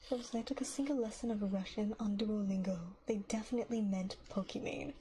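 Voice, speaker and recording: A woman hosting a soft-spoken livestream from her apartment on a binaural mic, talking smoothly and quietly, often in a whisper, and chatting in a rambling way. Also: mid-range voice, brisk, a little hiss or hum, low-quality recording. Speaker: ASMR livestream host. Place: home apartment. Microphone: binaural dummy-head mic.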